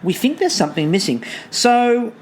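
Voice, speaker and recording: A woman's voice: a little high, sing-song, moderate pace, darkish tone, poor audio. A woman with a New Zealand accent co-hosting a casual comic review, bantering wryly and swearing freely. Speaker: podcast co-host.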